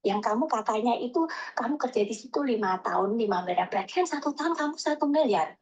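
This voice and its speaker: A woman calling in and telling a story in a lively, chatty way, acting out the lines people said to her. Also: on the high side, fast talker, poor audio. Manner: chatty, animated, acts out quoted dialogue. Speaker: caller. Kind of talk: casual storytelling phone call.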